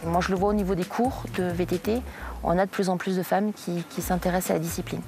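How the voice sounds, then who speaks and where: A woman's voice: fairly low pitch, quick pace. A woman from the Barcelonnette valley, an amateur downhill racer and mountain bike guide, chatting casually in an interview. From France, Barcelonnette valley. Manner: relaxed, chatty, uses informal "tu". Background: music.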